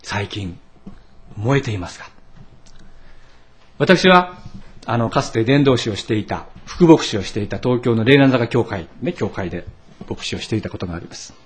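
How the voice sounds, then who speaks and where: A man's voice: on the low side, moderate pace, long pauses. A middle-aged Japanese man preaching a sermon as pastor, telling stories with asides and asking the congregation questions. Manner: animated storytelling with asides and rhetorical questions.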